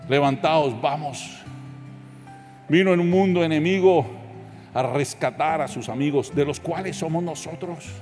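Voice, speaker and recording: A male pastor from Colombia preaching with fervent intensity, his somewhat high voice climbing into shouted peaks. The sermon rings through a large church hall with a long reverb. Soft music plays beneath him. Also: normal speed. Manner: impassioned, builds to shouted crescendos.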